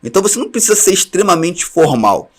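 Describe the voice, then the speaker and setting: A man from Brazil leads an online class for teachers, giving earnest, direct advice. His voice sits on the higher side and he keeps a quick pace. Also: very animated. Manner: earnest advice, speaks straight to listeners. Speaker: teacher trainer.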